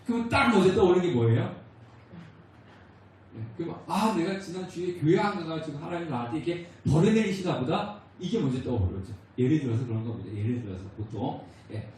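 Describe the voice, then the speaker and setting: A man gives a sermon as a church pastor, asking the congregation questions and answering them himself. His voice sits high and carries, and he speaks quoted lines in a raised voice. The recording is very echoey and distant, as if captured from across a large sanctuary. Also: a little mellow, slight background noise. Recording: very echoey church hall, voice from far off.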